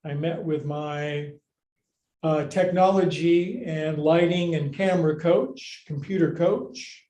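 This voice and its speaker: A man's voice: fairly high pitch, takes it slowly, warm tone. A man teaching a live yoga class, cueing moves with playful jokes and counts. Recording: echoey room.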